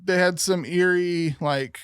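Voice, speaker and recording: Young man, fairly high voice, dry close sound, rambling casual chat, lots of fillers. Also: fairly even intonation, unhurried, fairly bright tone, clean tone, no echo. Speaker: podcast co-host. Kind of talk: casual album review chat.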